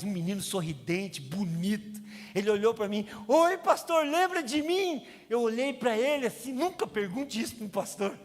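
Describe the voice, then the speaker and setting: A man with a Brazilian accent, a pastor and prison chaplain, telling a testimony in a sermon and acting out the voices of the people in his story. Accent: Brazilian Portuguese. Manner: storytelling, acts out quoted voices with raised pitch. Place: church sanctuary. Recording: reverberant church hall with music.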